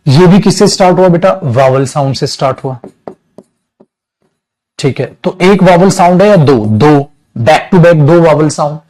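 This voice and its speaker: Man, English teacher, online lesson, slightly high voice, stretches sounds to show them. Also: a little mellow, poor audio. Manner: addresses students as beta, drawn-out demonstration of sounds.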